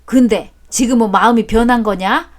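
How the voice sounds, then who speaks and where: A grumpy older father-in-law, put on by a woman reading the story, scolds his children in a loud, raised voice. The voice sits fairly high, and the story is read as a storybook drama. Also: normal speed, lightly acted. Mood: scolding.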